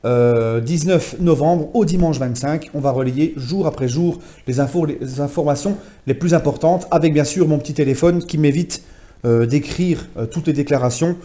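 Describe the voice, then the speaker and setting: Male vlogger with a mellow, fairly high voice, casual chatty football news recap. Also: normal speed. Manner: chatty, addresses viewers as friends, many fillers. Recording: home vlog.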